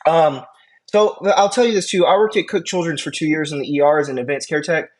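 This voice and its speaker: Young male instructor, 20s, slightly high voice, relaxed filler-heavy lecture delivery. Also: a little fast. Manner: casual, filler-heavy explaining with frequent "you know" and "right". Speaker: EMT instructor. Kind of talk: recorded lecture.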